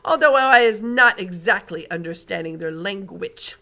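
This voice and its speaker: A big, kindly male giant from a storybook, put on by a woman reading aloud. He talks loud and earnest in a mid-pitched voice, bending his grammar as he goes. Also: animated, moderate pace.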